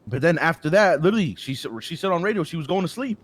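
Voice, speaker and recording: A man's voice: fairly high pitch, expressive, slightly rough. Roleplay gang member, male, rattles off his defense at top speed. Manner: rapid, defensive, swears a lot. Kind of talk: heated in-character chat.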